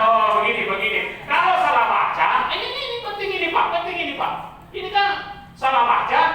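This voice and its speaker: Animated lecturer in an echoey hall. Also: male voice, extremely high pitch. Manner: animated, repeats phrases, chuckles often. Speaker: religious instructor. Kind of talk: classroom lecture. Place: training hall. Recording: roomy hall, voice from a distance.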